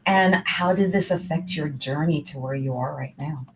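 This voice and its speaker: Lively low-voiced woman hosting a video interview. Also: a little hiss or hum. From New York. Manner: energetic and enthusiastic, quick to laugh. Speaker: talk show host. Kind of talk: upbeat online interview.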